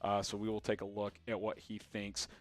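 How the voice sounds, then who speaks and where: A young man hosting a live sports talk stream, reading viewer comments aloud in an energetic, chatty way with plenty of fillers. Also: on the low side, normal speed, dry recording. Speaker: sports show host.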